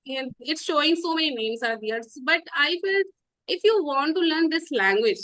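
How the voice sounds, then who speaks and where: A North Indian woman in her thirties, whose first language is Hindi, talks casually as an interview guest in halting learner's English with a giggly manner. Her high, bright voice has lively intonation. The low-quality recording is dry and close, with no echo.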